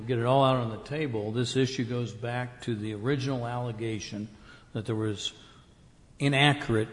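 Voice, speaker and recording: Deliberate man pressing his point in a reverberant hall. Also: medium pitch, darkish tone. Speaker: state board member. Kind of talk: board meeting debate. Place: meeting room.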